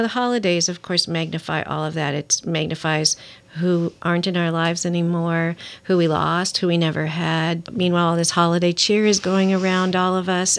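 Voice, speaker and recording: A middle-aged woman author in an interview, talking about her novel and reading a passage from it aloud at a measured pace. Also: fairly low pitch.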